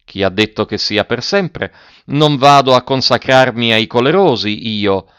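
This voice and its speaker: A man's voice: medium pitch, lively intonation, measured pace, fairly bright tone, clean tone, no room sound, clean studio sound. A man voicing a cold, proud aristocratic husband, speaking curtly in a dull lo-fi recording. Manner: curt and cold.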